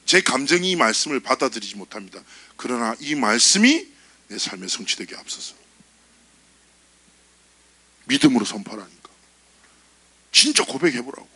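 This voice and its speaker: A man preaching a youth sermon at church, animated and joking as he acts out funny stories. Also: medium pitch, a little fast, slightly rough, no echo. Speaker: youth pastor.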